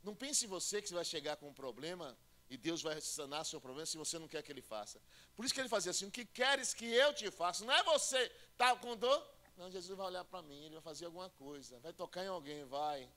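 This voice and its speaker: High-pitched, emphatic male preacher. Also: expressive, fast. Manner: emphatic, swings from loud shouting to low intimate talk; acts out short quoted voices for effect. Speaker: pastor. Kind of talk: sermon.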